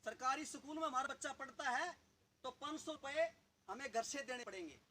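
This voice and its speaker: A man's voice: very high voice, a little fast, sharp tone, slight background noise. A man giving a political speech to a village gathering, asking the audience rhetorical questions. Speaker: local party leader.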